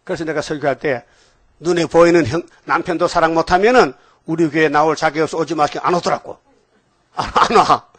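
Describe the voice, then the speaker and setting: Lively scolding male pastor, dry sound. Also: fairly high pitch, fairly quick, no room sound. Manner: scolding, with rhetorical questions and call-and-response. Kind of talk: preaching a sermon to a congregation.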